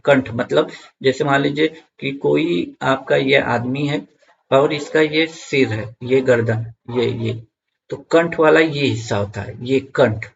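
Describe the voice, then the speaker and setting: A man's voice: medium pitch, vocal fry, muffled recording, a little hiss or hum. A man teaching an online grammar lesson for exam students, repeating key points and checking in with viewers.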